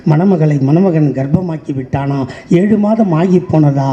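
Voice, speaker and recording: Male political speaker, high but mellow voice, delivers a stage speech in mocking rhythmic refrains, on a dull lo-fi recording. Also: a little slow. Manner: rhythmic sarcastic refrains, rising to shouts.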